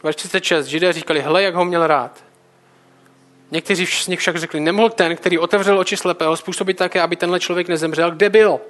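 High-voiced man preaching. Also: steady tone, fairly bright tone. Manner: reads scripture, then comments casually. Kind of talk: sermon with Bible reading.

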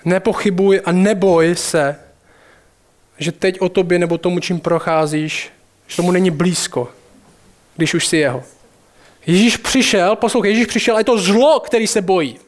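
A man with a notably high voice preaches a sermon. He speaks straight to his listeners with urgency, slowing down to drive home key phrases. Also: steady tone.

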